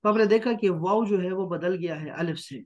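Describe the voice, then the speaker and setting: A man's voice: high-pitched, lo-fi sound. Patient man teaching Arabic grammar. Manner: patient, repeats key terms slowly. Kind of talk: online grammar class. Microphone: online class mic.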